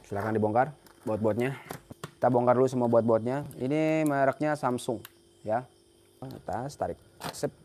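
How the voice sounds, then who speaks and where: A young man walks viewers through a repair in a casual way. He talks as he works, often repeating a phrase. His pitch sits at a middle level. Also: normal speed, pauses often, warm tone, slight background noise. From Central Java, Indonesia. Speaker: repair technician. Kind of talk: hands-on repair tutorial.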